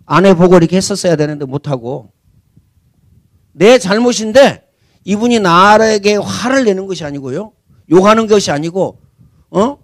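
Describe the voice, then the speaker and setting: A man's voice: sits high, moderate pace, pauses often, no echo. A man preaching a sermon as senior pastor, talking conversationally and asking rhetorical questions.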